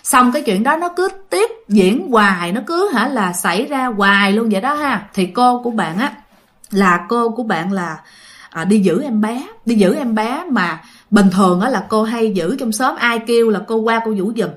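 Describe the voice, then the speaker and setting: A woman narrates ghost stories in a relaxed, chatty tone. She keeps turning to her listeners as she talks. Her voice sits a little high. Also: moderate pace. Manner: chatty, addresses listeners directly. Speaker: storyteller.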